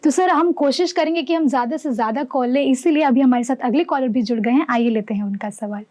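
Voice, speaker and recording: A woman's voice: high-pitched, fast, darkish tone, no room sound. A woman hosting a live call-in show, politely greeting callers and passing their questions to the doctor. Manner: polite, formulaic, courteous. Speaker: show host taking calls.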